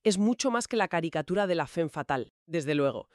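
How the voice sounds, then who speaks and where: A podcast co-host with a measured, explanatory manner, laying out history points one by one in casual conversation. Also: medium pitch, animated, a little mellow, dry recording, clean studio sound.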